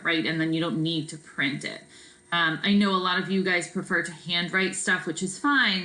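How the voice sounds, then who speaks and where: A woman teaching a Spanish vocabulary lesson in a relaxed, chatty way, often checking in with "right?" and filling pauses with "um.". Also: on the low side, rough recording. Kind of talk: recorded classroom vocabulary lesson.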